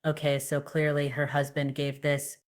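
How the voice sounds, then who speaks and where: Flat-voiced low woman gossiping. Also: moderate pace. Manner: chatty, sarcastic, reads news quotes aloud. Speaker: commentary vlogger. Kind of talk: casual gossip commentary.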